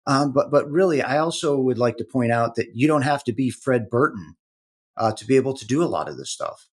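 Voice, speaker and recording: A man speaking as a guest in an interview, explaining in an earnest, halting way with many repeated words. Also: mid-range voice, lively intonation, breathy edge. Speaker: protective intelligence executive, guest. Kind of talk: conversational interview talk.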